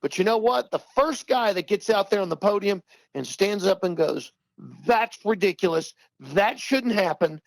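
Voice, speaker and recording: Gravelly older man, emphatic and heated. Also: normal speed, hardly any pauses, no echo, poor audio. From Texas. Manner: emphatic, repetitive, rising pitch when worked up. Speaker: podcast guest. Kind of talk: impassioned talk-show commentary.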